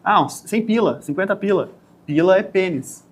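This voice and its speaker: A man with a southern Brazilian accent, a podcast guest who tells stories in a lively way and acts out the lines of people in them. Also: high-pitched, normal speed, husky. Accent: Brazilian Portuguese, southern Brazil. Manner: animated storyteller, acts out quotes. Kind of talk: casual podcast interview.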